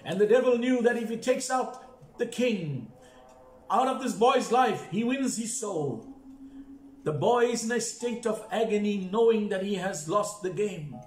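A man's voice: sits high, animated, unhurried. A male pastor telling a story in a sermon, with dramatic, repeated emphasis. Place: church. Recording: echoey church with faint music.

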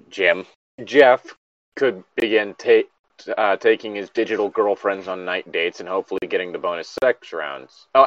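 A deep-voiced man, recorded lo-fi with no echo, hosts a reading of a horror story and reacts to it as he goes. His commentary is casual, sweary, and sardonic.

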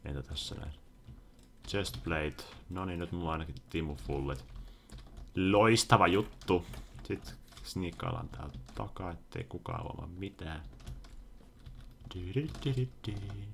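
A young man giving excitable, casual commentary over his own gameplay, sometimes yelping when startled. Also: deep voice, gravelly, a little hiss or hum. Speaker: gaming video host.

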